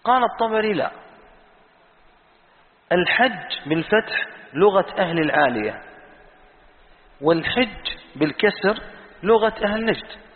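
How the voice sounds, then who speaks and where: A man teaching a Quran exegesis lesson, reciting verses slowly and putting questions to his students. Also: high voice, lively intonation. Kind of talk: classroom tafsir lesson. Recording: tinny phone-like sound in a reverberant hall.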